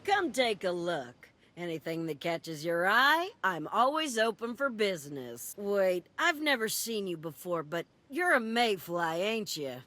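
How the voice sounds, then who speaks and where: A woman's voice: mid-range voice, very animated, unhurried, few pauses, bright, forceful tone, no echo. An actress voicing a folksy, earnest female wandering merchant in a video game. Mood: welcoming, curious.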